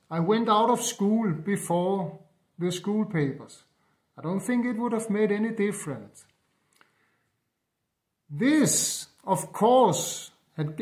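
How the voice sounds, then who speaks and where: A man in his fifties from Denmark with a Danish accent, speaking English as a second language in a halting personal monologue with many fillers and restarts. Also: sits high. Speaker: spiritual vlogger.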